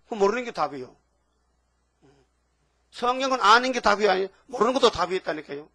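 High-voiced older pastor preaching, quizzing the flock. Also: male voice, fairly bright tone, no echo, clean studio sound. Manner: preaching with rhetorical questions to the congregation. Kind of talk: sermon.

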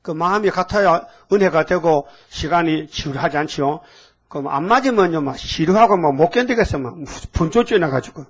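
Husky-voiced older man preaching a sermon. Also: fairly high pitch, expressive, brisk. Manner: folksy, scolding, asks the congregation questions. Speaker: pastor.

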